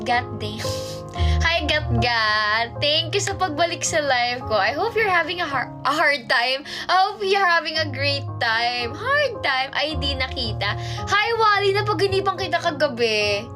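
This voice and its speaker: A young woman from the Philippines speaks in a high voice as she hosts a casual livestream. She reads viewer comments aloud and answers each one playfully. Music plays clearly behind her. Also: expressive, unhurried. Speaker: idol livestreamer reading fan comments. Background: music playing in the background.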